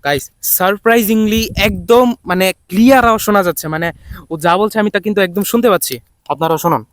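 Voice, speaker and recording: A man's voice: sits high, fast, no echo. A young man vlogging outdoors, chatting casually to his viewers with lots of fillers and restarts. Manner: talkative, fillers and restarts, shouts to a distant teammate. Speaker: YouTube vlogger. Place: outdoors in open ground.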